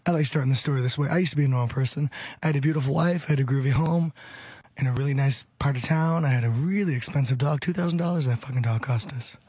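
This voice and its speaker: A man's voice: mid-range voice, quick pace, darkish tone, slightly rough, dry recording. A man in his thirties from Hollywood, California, chatting as a radio show guest, rambling and repeating phrases with frequent chuckles. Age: 30s. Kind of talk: casual radio chat.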